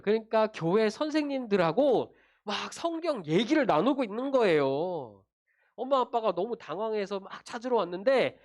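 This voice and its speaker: A junior pastor giving a children's sermon, telling a story and often checking in with his young listeners. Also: high-pitched. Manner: animated storytelling, addressing kids directly with tag questions.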